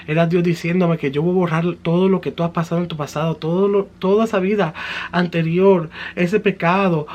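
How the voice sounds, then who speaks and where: A man's voice: a little high, a little hiss or hum. A man giving a personal religious testimony in an earnest, fervent way, slipping English words into his story.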